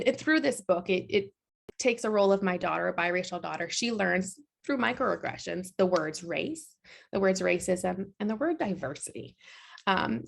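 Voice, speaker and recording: A woman's voice: medium pitch, gravelly. A woman who writes children's books, moderating a panel and inviting the other authors to speak.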